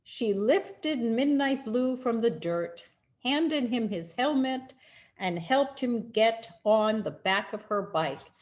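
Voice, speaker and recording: Reading a children's picture book aloud, this woman, a storyteller and rabbi, speaks on the higher side. She tells the story expressively and deliberately, pausing for dramatic effect.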